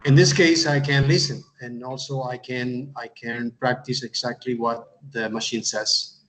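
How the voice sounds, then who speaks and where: A man who teaches English, giving a step-by-step tutorial in a halting way, often repeating words and adding uh. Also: mid-range voice, fairly even intonation, a bit bright, a little hiss or hum, poor audio. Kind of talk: instructional tutorial.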